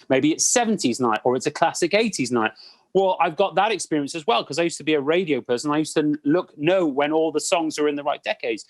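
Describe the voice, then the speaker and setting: Male, slightly high voice, close dry recording; animated, anecdotal interviewee who acts out quotes. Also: no echo. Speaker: cruise director interviewed about career. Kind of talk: conversational interview answers, anecdotal.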